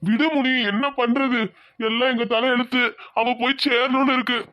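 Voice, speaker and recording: A man's voice: extremely high pitch, little pitch movement, moderate pace, no echo, highs cut off. An actor playing an elderly village landlord and grieving grandfather in a cartoon drama, consoling and commanding. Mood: pleading. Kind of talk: Tamil cartoon drama voice acting.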